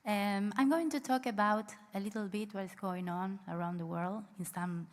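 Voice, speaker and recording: A woman's voice: mid-range voice, fairly even intonation, normal speed. Argentine woman presenting in a reverberant hall. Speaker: panel speaker. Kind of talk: conference presentation.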